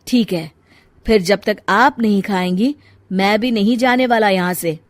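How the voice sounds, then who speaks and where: A woman playing a gentle, devoted adult stepson in a family story. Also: medium pitch, a little slow, no room sound, close to an everyday voice. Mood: gently insistent. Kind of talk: acted dialogue in a family audio story.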